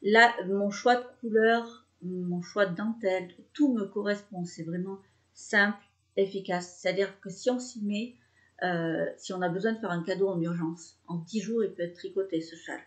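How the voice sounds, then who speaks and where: A woman's voice: mid-range voice, steady tone, normal speed. Woman, 30s, from France, casual knitting podcast host, hesitant and chatty. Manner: chatty, hesitant, many fillers and restarts. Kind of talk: casual chat.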